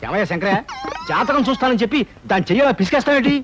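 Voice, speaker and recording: A jealous husband, rapid-fire, high-pitched and blunt. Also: male voice, animated, fairly bright tone, slight background noise. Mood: grumbling. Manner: grumbling, suspicious and blunt. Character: jealous, grumbling middle-aged husband. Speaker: jealous husband in a film comedy scene.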